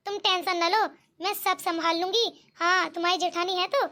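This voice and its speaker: A woman's voice: very high-pitched, fairly even intonation, normal speed, pushed and bright. Woman playing a kindly cartoon sister-in-law. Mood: reassuring. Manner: reassuring, teasing. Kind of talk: cartoon voice acting.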